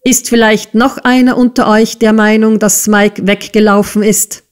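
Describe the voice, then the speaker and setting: A cruel schoolmaster bellows and sneers at everyone around him, as a woman reader puts him on. His voice is pushed up high and loud, hectoring and harsh. Audiobook storytelling. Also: level tone, normal speed, clear, resonant tone, natural voice. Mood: raging. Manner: shouting, sneering and bullying. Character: brutal bellowing male schoolmaster. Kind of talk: audiobook character reading.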